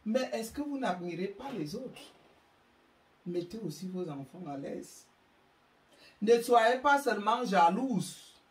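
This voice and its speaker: A woman's voice: mid-range voice, expressive, slow pace, pauses often. A woman from Africa giving emphatic, scolding parenting advice to an audience, often stammering over repeated words, recorded in a roomy space away from the mic. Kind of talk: impassioned monologue to an audience. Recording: roomy sound, mic far off.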